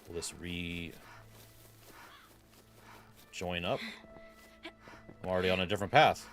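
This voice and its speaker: A man hosting a let's play, chatting casually as he plays. His voice sits a little low, with quick bursts and easy laughs. Faint game music runs underneath. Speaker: gaming channel host.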